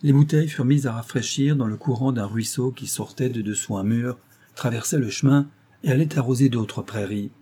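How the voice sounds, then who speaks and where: A man reading a classic novel aloud as an audiobook narrator, steady and literary. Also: mid-range voice, fairly quick, slightly rough. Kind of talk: scripted narration.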